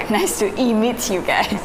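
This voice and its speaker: A young Vietnamese woman, speaking as a podcast guest, recounts her story in a casual interview, relaxed and sprinkled with fillers and soft laughter. Her pitch is fairly high. It's a live-streamed online call with noticeable background noise.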